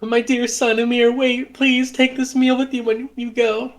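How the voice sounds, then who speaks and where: A man's voice: little pitch movement, unhurried. A man voicing a doting, tearful satyr mother, fussy and motherly, in a raised voice. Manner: fussy, high-pitched and motherly.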